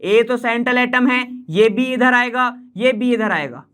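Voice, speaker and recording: A man teaching a chemistry class in an online lecture, casual and chatty as he explains while drawing on a board, often checking whether students follow and slowly repeating key terms. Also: very high-pitched, fairly bright tone, smooth.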